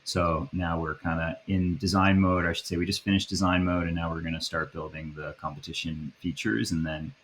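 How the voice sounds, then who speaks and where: Low-voiced man chatting casually. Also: fairly quick, hardly any pauses, a little hiss or hum. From Boston area. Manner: relaxed, chatty, frequent fillers like "um" and "kinda". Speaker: guest, app founder. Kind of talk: casual interview chat.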